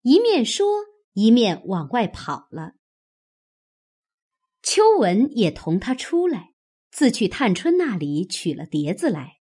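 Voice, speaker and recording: Slow expressive woman reading a novel. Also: medium pitch, slightly rough. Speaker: narrator. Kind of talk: audiobook reading of a classic novel.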